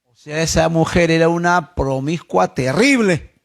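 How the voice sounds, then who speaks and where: Gravelly Spanish-speaking pastor preaching. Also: male voice. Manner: storytelling preacher, swinging from low murmurs to raised, emphatic questions; addresses listeners as brothers, drawn-out emphasis on scripture. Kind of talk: sermon.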